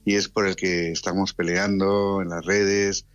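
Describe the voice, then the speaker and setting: A man from Madrid, a guest in a radio interview, speaking earnestly with halting restarts. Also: low-pitched, flat delivery, dry recording, dull audio. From Madrid, Spain.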